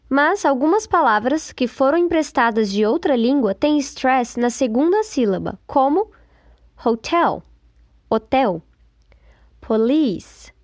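A woman hosting a podcast lesson, explaining clearly and patiently, slowing down to model English words. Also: high voice, dry recording, clean studio sound. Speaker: podcast host and English teacher.

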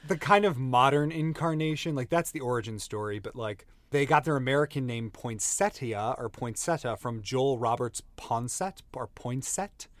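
A man's voice: medium pitch, brisk, few pauses, no room sound. Chatty man tasting wine, dry sound. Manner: relaxed, jokey, rambling with fillers. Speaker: podcast co-host tasting wine. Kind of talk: casual chat.

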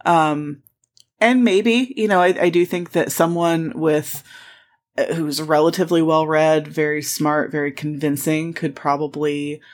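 A woman's voice: sits low, steady tone, a little slow. A woman co-hosting a podcast in casual chat, telling stories animatedly with frequent laughs and swearing. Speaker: podcast co-host.

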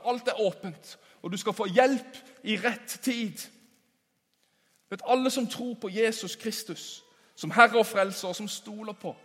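Preacher guy, pretty high voice, big church echo, goes loud then real quiet. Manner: emphatic, swings between loud calls and hushed asides. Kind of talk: sermon. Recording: long hall reverb.

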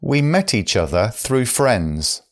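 A man reading phrases for learners, each one slowly and then again at normal speed. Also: medium pitch, sing-song. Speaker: phrase teacher.

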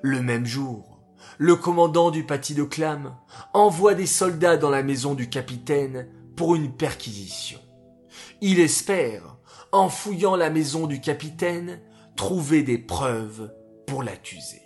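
A man's voice: on the high side, lively intonation, slow pace, a little mellow. A man narrating a history story for children in a dramatic, scripted way, sometimes speaking to them directly. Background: faint music.

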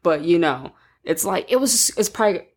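A woman's voice: fairly low pitch, lively intonation, normal speed, slightly rough. Blunt, profane woman podcast host. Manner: blunt, profane, laughing storyteller. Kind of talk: casual chat.

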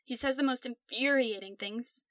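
A woman's voice: on the high side, normal speed, dry recording, lightly acted. A woman voicing a distraught young man who speaks in a subdued, matter-of-fact way in a storybook reading. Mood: brooding.

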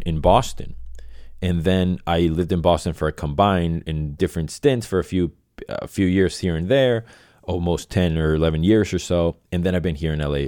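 A man's voice: rumbling low, a little mellow, dry recording, clean studio sound. A middle-aged man from Venezuela hosting his own podcast, talking loosely and correcting himself as he goes. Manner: rambling, self-correcting, repeats phrases. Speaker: podcast host. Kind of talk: casual solo podcast monologue.

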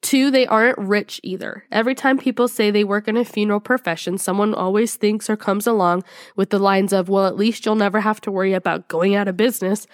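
Slightly rough-throated woman reading a list. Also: medium pitch, steady tone, a little fast, no echo, clean studio sound. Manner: chatty, giggly, many "like" fillers. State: slightly rough throat after being sick. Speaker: podcast co-host. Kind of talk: reading a list article aloud.

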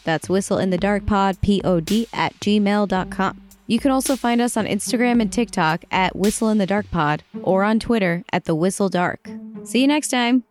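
A woman host tells a spooky story in a measured, suspenseful voice. She has an ordinary mid-range pitch and unhurried delivery. Quiet music runs underneath her narration. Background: soft music.

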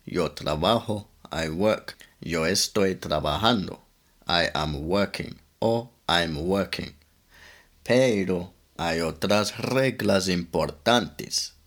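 Slow, deep-voiced man teaching English grammar. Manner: slow, methodical, spells out letters one by one. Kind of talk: scripted grammar lesson.

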